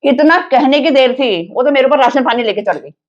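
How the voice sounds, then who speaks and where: A woman's voice: sits high, lively intonation, brisk, dull audio. A middle-aged woman telling a comic story as a mother-in-law, chatty and indignant. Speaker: mother-in-law in comedy sketch. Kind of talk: scripted comedy storytelling.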